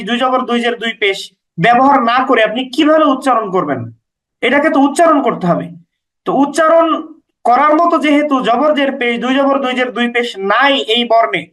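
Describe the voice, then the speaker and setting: A man with a strikingly high voice gives a Quran recitation lesson. He works through each rule patiently, repeating letter names and vowel marks slowly so they stick. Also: a bit bright, poor audio. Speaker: Quran teacher.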